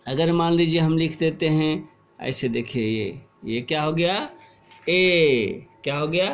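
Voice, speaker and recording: A middle-aged man teaching a class, explaining slowly and asking questions, then repeating the answers. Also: on the high side, soft background music. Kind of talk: classroom lesson.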